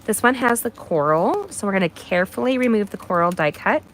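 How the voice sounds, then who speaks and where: A craft demonstrator hosts a chatty live card-making stream, talking warmly to viewers by name and encouraging them as she works. Her medium-pitched voice is very animated and fairly quick, a little nasal from mild allergies, with slight background noise.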